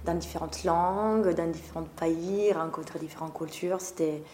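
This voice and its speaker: A woman from northeast Italy, a café co-owner, is the guest in a casual interview chat. Her voice is lowish and a bit dark, with a steady tone and moderate pace, and she sounds hesitant, using many fillers and laughing often. The recording is roomy, with faint noise.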